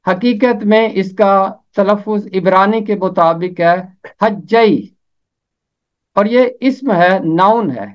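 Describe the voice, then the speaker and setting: A man teaching a pronunciation lesson, slowly spelling out vowel marks and repeating each name. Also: high voice. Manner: slow, careful spelling out of diacritics and repeated names. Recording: dull lo-fi recording.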